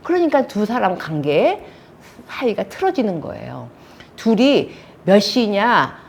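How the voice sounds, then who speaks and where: A woman's voice: medium pitch, sing-song, a little slow, vocal fry, breathy edge. A woman in her sixties teaching a counseling class, telling stories and acting out the quoted lines. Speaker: counseling instructor. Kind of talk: lecture on counseling technique.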